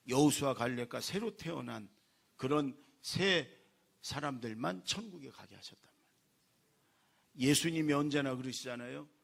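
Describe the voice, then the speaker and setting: Gravelly, bright-voiced Korean pastor preaching. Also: male voice, medium pitch. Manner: emphatic preaching, exhorting the congregation to repeat after him. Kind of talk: sermon. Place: church sanctuary.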